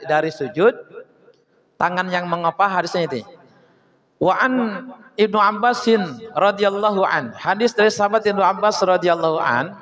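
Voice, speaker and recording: A man's voice: high-pitched, a bit bright. A man giving an Islamic text study lecture as a religious teacher, reading Arabic passages and explaining them step by step, often asking questions and answering them himself. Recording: long hall reverb.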